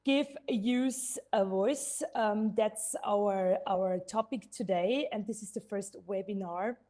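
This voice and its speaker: A woman's voice: medium pitch, slow pace, dark tone. A woman in her forties moderating a live webinar over a headset mic, hesitant with many fillers and restarts.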